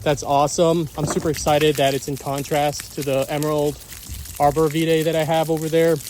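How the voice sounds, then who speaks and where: A man's voice: on the high side, flat delivery, fairly quick, background noise. A man filming a casual garden vlog outdoors, talking with enthusiasm and repeating words of praise. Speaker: vlogger.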